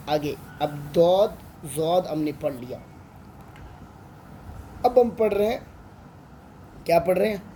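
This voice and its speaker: An online Quran tutor with a Pakistani Urdu accent patiently teaches Arabic letters, drawing out each sound. His voice sits high and mellow, with slight background noise.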